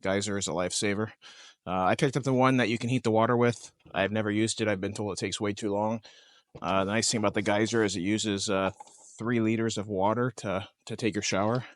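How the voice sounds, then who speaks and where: A man vlogging casually from a lakeside campsite, talking in a relaxed, rambling way with lots of hesitations. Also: fairly low pitch, fairly quick, dry recording. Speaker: camping vlogger. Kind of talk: casual outdoor vlog.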